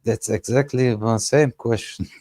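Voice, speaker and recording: A man, speaking English as an in a casual panel chat and often pausing to search for words. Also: mid-range voice, steady tone, mellow, no echo. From Germany. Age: 30s. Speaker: panel guest.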